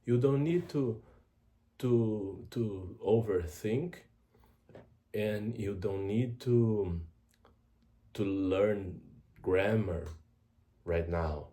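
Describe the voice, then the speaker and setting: A Brazilian man, a native Portuguese speaker with a Brazilian Portuguese accent, introduces a travel language course as its tutor. He speaks slowly and deliberately and often repeats words. His voice sits on the low side with a dark tone.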